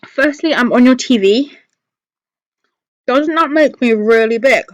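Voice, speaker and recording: A woman with a fairly high voice chats casually as a live stream host. She rambles and thinks aloud, second-guessing herself as she talks to her viewers. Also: unhurried, muffled recording. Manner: rambling, thinking aloud, changes own mind.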